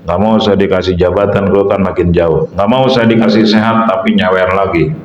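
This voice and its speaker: Middle-aged preacher, low voice, humorous sermon with Arabic prayers, lo-fi echoey hall recording. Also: male voice, steady tone, fairly quick. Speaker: kyai leading an Islamic study session.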